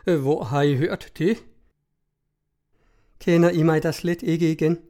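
A man's voice: fairly high pitch, steady tone, warm tone, lightly acted. A man reading the lines of a cheerful, witty young woman in a storybook, teasing and composed.

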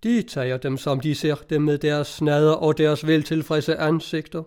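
A man's voice: fairly high pitch, steady tone, darkish tone, smooth. Man reading an audiobook with a lifted voice. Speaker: audiobook narrator. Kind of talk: scripted audiobook narration.

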